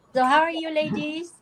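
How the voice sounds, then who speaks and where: A woman's voice: high voice, low-quality recording. A woman from the Philippines hosting a casual live chat, friendly and laughing between lines. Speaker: livestream host.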